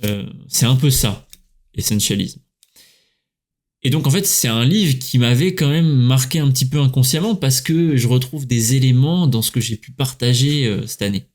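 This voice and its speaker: Young French man, relaxed solo podcaster, chatty, stops and restarts, mid-range voice. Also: mid-range voice, normal speed. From France. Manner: relaxed, chatty, many fillers and self-corrections. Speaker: podcast host, writer and coach. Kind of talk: casual solo podcast talk.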